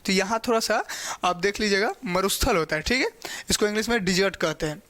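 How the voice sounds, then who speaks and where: A man's voice: sits high, bright, forceful tone. A male teacher giving a geography lecture, explaining step by step and often checking in with the class. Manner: spells out pronunciation slowly.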